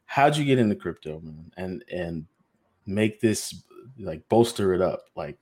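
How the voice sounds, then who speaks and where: Man, podcast host, very deep voice, laid-back, fumbling intro. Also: animated, measured pace, a little mellow. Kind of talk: casual podcast hosting.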